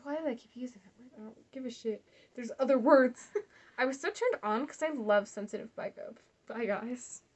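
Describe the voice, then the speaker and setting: A woman's voice: on the high side, normal speed. A young woman casually reading fan fiction aloud, breaking off for sarcastic, laughing, swearing asides. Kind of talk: casual comedic read-along.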